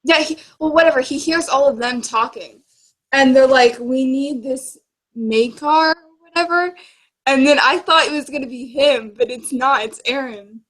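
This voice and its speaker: A young woman co-hosting a book discussion chats casually about books, giggly, rambling and informal. Her high, slightly bright voice moves at a moderate pace on poor audio.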